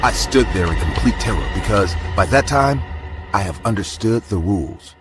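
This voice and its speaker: Brief: male horror narrator, measured and dramatic, animated delivery with music under it. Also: lowish voice. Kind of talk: scripted horror story narration. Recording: narration over loud music.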